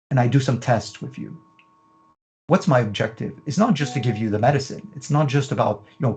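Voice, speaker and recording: Speaking in a medium-pitched, slightly mellow voice, this middle-aged fashion business consultant describes his methods during an interview. His explanations run into long lists, often padded with "you know."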